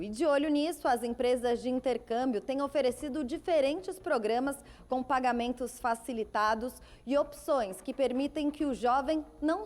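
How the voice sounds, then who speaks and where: A woman voicing a scripted TV news report in a measured, even newsreading manner. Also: high-pitched.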